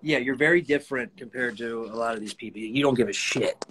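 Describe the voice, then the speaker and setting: A young man chatting casually as a guest on a live stream, relaxed, filling his talk with "like" and "bro". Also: medium pitch, a little fast, a little hiss or hum, low-quality recording. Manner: relaxed, says "like" and "bro" a lot.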